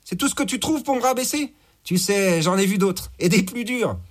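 Defiant captive man, sarcastic, scornful, husky, a man putting him on. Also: high voice, lively intonation, normal speed, voice pushed up. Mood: furious.

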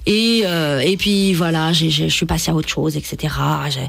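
A woman's voice: low-pitched, fairly even intonation, moderate pace, vocal fry, fairly bright tone, breathy edge, no room sound. A woman from Iran, a novelist guest on a radio show, talking in a reflective way with many restarts. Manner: reflective, frequent restarts and fillers. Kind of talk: radio interview. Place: radio studio.

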